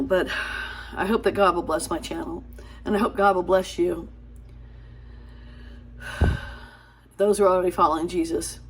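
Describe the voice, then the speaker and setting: Speaking to camera on her small channel, this woman sounds earnest and pleading, her casual delivery tripping over words with fillers and false starts. Her voice is on the low side, with slight background noise.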